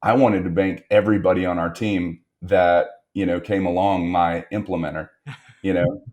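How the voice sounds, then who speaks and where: A man's voice: deep voice, steady tone, moderate pace, darkish tone. A man speaking as a guest on a business podcast, reflecting on lessons learned and stressing points by repetition. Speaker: guest entrepreneur. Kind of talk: podcast interview.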